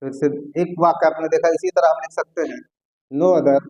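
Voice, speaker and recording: A man teaching an English grammar lesson, often repeating key words slowly as he writes them on the board. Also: fairly high pitch, fairly even intonation, poor audio.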